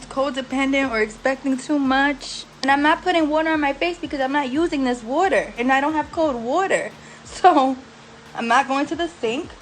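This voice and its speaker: Recovering from surgery, she speaks to the camera in a high voice from her recovery house bedroom, cursing and bluntly venting her exasperation about her care. She sounds aggravated and worn, and the audio quality is poor.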